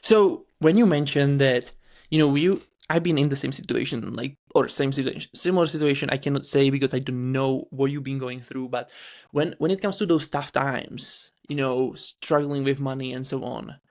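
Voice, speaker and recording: A man from the Czech Republic with a Czech accent, hosting a podcast interview and asking questions in a halting way with many restarts and fillers. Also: medium pitch, a little mellow. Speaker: podcast host. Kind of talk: casual interview chat.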